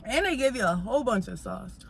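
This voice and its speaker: A woman's voice: a little high, brisk, gravelly, a little hiss or hum. A young woman vlogger, chatting casually as she eats on camera. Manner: relaxed, chatty, eating while talking. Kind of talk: casual mukbang chat.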